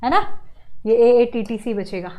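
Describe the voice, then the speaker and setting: A woman teaching biology for an exam-prep course, mixing in English and repeating key lines slowly for her students. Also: on the high side, lo-fi sound. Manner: addresses students as beta. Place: classroom studio at a screen.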